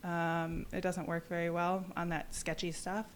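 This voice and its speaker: A woman's voice: fairly low pitch, unhurried, slight background noise. A young adult woman, a podcast guest, telling a story in casual talk and acting out what people said. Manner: animated, acts out quoted exchanges. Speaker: podcast guest, endurance cyclist. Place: office, indoors.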